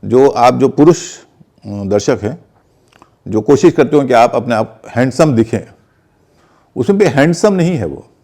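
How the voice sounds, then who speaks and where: A man leads a pronunciation lesson in a methodical, explanatory way. He spells words out letter by letter and repeats each example. His voice is gravelly, with a dark, mellow tone. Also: mid-range voice, lively intonation, unhurried, long pauses. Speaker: pronunciation teacher.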